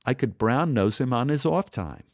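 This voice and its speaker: A man's voice: medium pitch, animated, moderate pace, a little mellow, no room sound, studio quality. A man narrating his own memoir in a wry, conversational way. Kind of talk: storytelling narration.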